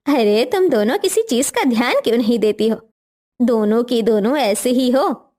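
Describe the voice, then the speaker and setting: A woman's voice: a little high, animated, dark tone, lightly acted. A woman doing a stern scolding mother-in-law. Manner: slow, commanding, scolding. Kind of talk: cartoon story voice acting.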